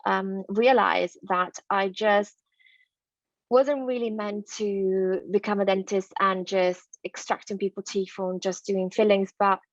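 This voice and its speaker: Her mid-range voice keeps fairly even intonation at a measured pace, captured in a muffled recording with no echo. She's a northern Italian dentist with an Italian accent giving a chatty online masterclass by video call, with plenty of fillers and restarts.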